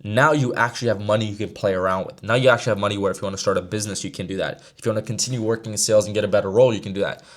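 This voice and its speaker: A man's voice: on the low side, fairly even intonation, very fast, hardly any pauses. A man of about twenty giving a brash motivational talk to camera as a sales mentor, casual and slangy. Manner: brash, slangy, straight-talking.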